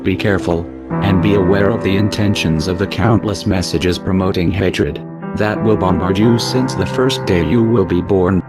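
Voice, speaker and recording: Disguised deep voice, man, very low, grave scripted warning, ominous, music behind. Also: moderate pace. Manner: grave, ominous, addressing the listener directly. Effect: disguised, pitch-lowered deep voice. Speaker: anonymous narrator. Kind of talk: scripted narration of a warning message.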